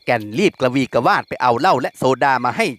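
A man narrating a classic novel as an audiobook, in a steady, dramatic storytelling way. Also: mid-range voice, fast talker. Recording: long reverb.

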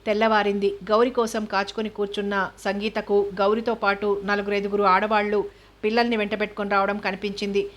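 A woman reading a novel aloud in an even, measured scripted narration. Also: medium pitch. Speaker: novel reader.

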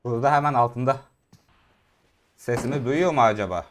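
A young man casting his own mobile shooter match, calling out enemies quickly and breaking into shouts and laughs in bursts. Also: medium pitch, slight background noise. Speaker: gaming YouTuber. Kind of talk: excited gameplay commentary.

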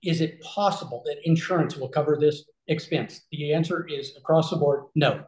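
In an echoey small room, a man in his forties talks over a webcam with a somewhat high voice. He explains at length in a loose conversational way, full of fillers and restarts, gesturing as he speaks. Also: normal speed, darkish tone. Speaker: regenerative health concierge. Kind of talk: casual explanatory talk on a video call. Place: small room with shelves, indoors. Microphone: video call webcam.

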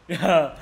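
High-voiced young man shouting over a game. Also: vocal fry. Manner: loud, laughing, swearing constantly, frequent excited shouts. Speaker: streamer. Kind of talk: live gameplay reactions.

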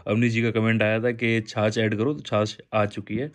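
A man's voice: lowish voice, little pitch movement, normal speed. A young man with a Hindi accent from Gwalior, chatting casually to a handheld phone in his daily vlog, laughing often. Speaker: vlogger.

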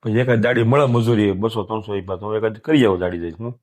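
An older man, talking in an emotional interview, soft and halting, often trailing off quietly. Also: lowish voice, fairly even intonation. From Gujarat, India. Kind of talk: emotional interview, plain talk.

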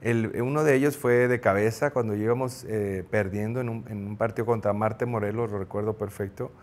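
A middle-aged man with a Mexican accent, a former goalkeeper, telling an anecdote in an interview, acting out the shouts he quotes. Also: fairly low pitch, fairly even intonation, a little fast. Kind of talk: storytelling in an interview.

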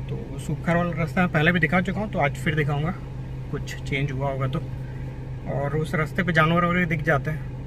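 A man's voice: fairly high pitch, background noise. A man from India vlogging a road trip, chatting eagerly and asking questions. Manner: eager, asks lots of questions. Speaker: travel vlogger. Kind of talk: casual vlog chat.

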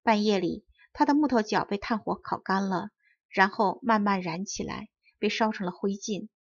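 A woman narrating a children's story with clear, careful enunciation. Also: mid-range voice, normal speed, no echo, lo-fi sound. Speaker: storybook reader.

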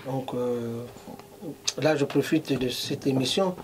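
Interviewed in a clothing shop, a middle-aged Congolese fashion designer speaks slowly in a mid-range voice, emphatically mixing French and Lingala. The interviewer holds a handheld mic, and there's slight background noise.

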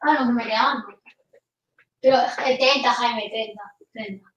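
A woman gamer making quick clipped calls to her friends in casual voice chat. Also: on the high side, steady tone, fairly bright tone, muffled recording, slight background noise. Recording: echoey, distant mic.

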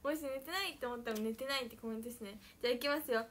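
A young woman chatting casually on a livestream, playful and mock-dramatic, sometimes dropping to soft murmurs. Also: a little high, racing, a little hiss or hum. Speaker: idol livestreamer. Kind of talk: casual livestream chat with viewers.

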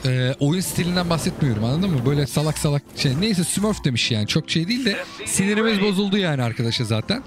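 A man hosting casual commentary over viewers' game replays, chatty and asking the listener again and again whether they get it. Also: on the high side. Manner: chatty, keeps asking "you get it?" and calling the listener brother.

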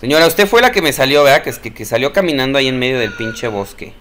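Jumpy, foul-mouthed Mexican gamer. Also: male voice, medium pitch, animated, quick pace, a bit bright. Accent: Mexican Spanish. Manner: cursing, jumpy, talks to game characters. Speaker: gameplay streamer. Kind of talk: horror gameplay commentary.

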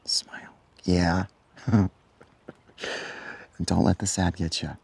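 A cheery, callous middle-aged scoutmaster in a short film. His voice is deep, husky and full of gravel, and he tosses off grim news in a breezy tone. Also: slow, exaggerated voice. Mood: falsely cheerful. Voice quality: gravelly, husky, yells when excited.

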